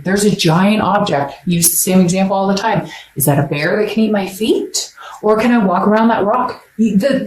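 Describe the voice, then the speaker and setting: Woman, tarot reader, rambling, blunt, joking, echoey room, faint background hiss. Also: medium pitch. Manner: rambling, blunt, swears, jokes with viewers. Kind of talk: casual tarot reading to camera.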